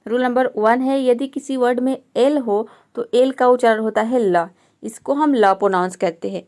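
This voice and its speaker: A woman's voice: fairly high pitch, normal speed, darkish tone. A woman teaching an English pronunciation lesson step by step, patiently explaining each letter and asking rhetorical questions to her students.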